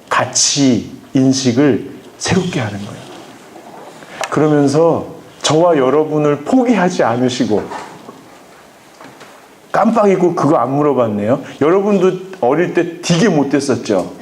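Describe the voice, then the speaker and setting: A pastor lecturing parents in an animated, emphatic way, acting out voices as he speaks to a live audience. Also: fairly high pitch, measured pace, pauses often, slight background noise. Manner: emphatic, acts out quoted voices, often says "막".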